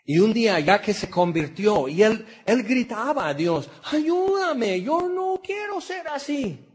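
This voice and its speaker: This sermon comes from a man whose voice is a little high and who speaks with a Mexican accent. His delivery is emphatic, rising loud and dropping quiet by turns, and he poses rhetorical questions straight to the congregation.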